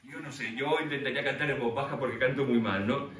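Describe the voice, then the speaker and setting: A man preaching a lively sermon, telling the story with animated acted-out voices. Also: mid-range voice, fast, recorded from a distance. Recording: echoey room from afar with faint noise.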